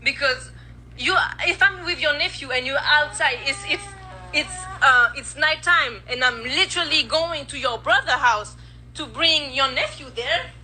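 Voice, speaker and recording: Bright-voiced woman, halting emotional account. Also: sits high, a little hiss or hum, low-quality recording. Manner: halting, with restarts and quoted dialogue. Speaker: interviewee telling her story.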